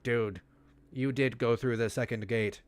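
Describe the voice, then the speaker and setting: A reader doing a deadpan cool teen boy's voice made to sound robotic and machine-like, in a slow, low, flat drawl while reading a webcomic aloud. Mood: exasperated. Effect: flat robotic, machine-like delivery done by mouth.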